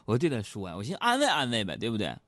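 A man's voice: medium pitch, very fast, no echo. A young man with a Northeastern Mandarin accent performing a chatty comic storytelling monologue and acting out the characters. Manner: chatty, animated, acts out characters. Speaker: stand-up comedian.

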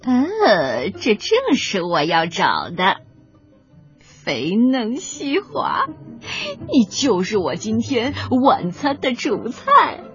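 Woman putting on a slow, gloating sly fox. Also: a little high, wildly swooping pitch, fairly bright tone, exaggerated voice. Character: sly male fox gentleman, hungry, smooth. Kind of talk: storybook reading. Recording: dull lo-fi recording, faint music.

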